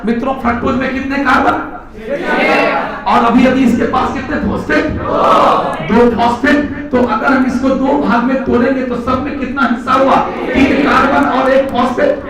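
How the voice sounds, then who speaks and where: A man's voice: very high voice, level tone, normal speed, a loud crowd. A man teaching a class, playfully quizzing students and turning molecules into characters. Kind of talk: classroom lecture with storytelling. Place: large classroom. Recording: very echoey classroom from far off, class audible.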